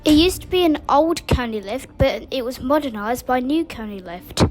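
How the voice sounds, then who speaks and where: A woman's voice: sits high, animated, normal speed. A woman hosting a casual video tour, giving simple, factual commentary in short statements. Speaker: video host. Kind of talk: casual narrated lift tour. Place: inside lifts in public buildings.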